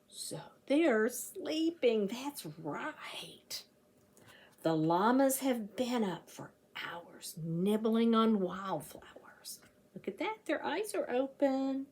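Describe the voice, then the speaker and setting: A middle-aged woman, her voice a little high, reads to young children like a teacher from a seat beside a door in a small room indoors. She sounds animated and sing-song, frequently breathy, drawing out important words and posing questions to the kids.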